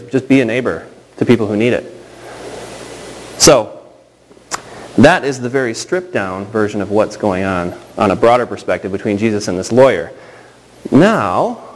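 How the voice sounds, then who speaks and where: A man preaching a sermon in a conversational, halting way, often restarting his sentences and adding asides. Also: fairly low pitch, slight background noise, low-quality recording. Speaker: pastor.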